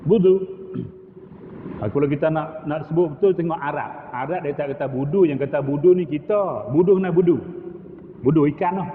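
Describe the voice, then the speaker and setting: A middle-aged male religious teacher lectures in a mosque hall on correct recitation, his voice on the high side and brisk. He moves between plain explanation and chanted Arabic phrases as examples. The recording is tinny and echoey, with a little hiss or hum.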